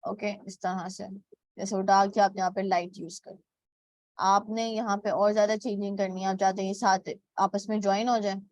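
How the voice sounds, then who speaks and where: A woman's voice: mid-range voice, flat delivery, fairly quick, no echo. Woman walking through a design tutorial. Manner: step-by-step, repeats "okay" between steps; mixes English words into Hindi. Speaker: graphic design teacher. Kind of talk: screen-recorded software tutorial.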